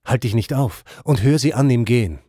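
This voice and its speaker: A man's voice: medium pitch, a little fast, slightly rough, no room sound, clean studio sound, lightly acted. A man reading aloud, voicing a wise old poet who sternly urges his companion onward. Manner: admonishing, steady.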